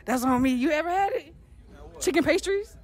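A woman's voice: sits high, animated, moderate pace. Playful young woman interviewing in a mall. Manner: playful, laughs and jokes with guests. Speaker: street interviewer. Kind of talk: casual street interview. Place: indoor shopping mall.

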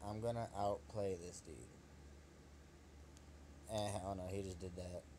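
A young man giving excitable, trash-talking commentary over his own gameplay, swearing at his opponent as he plays. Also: deep voice, measured pace, noisy background. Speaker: gaming channel host.

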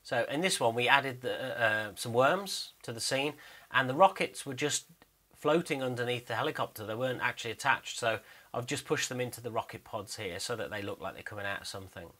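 Narrating his 3D animation work on screen, a man speaks casually at an average pitch in a bright, forward voice. His explanation is unscripted, and he pauses now and then to think aloud.

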